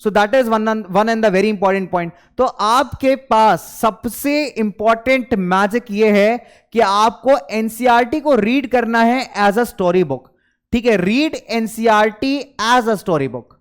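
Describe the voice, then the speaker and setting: A young man gives study tips to schoolkids in a high, lifted voice. His tone is smooth and resonant. He coaxes them along and repeats each key point, slipping English phrases into his talk. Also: slow pace. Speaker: teacher.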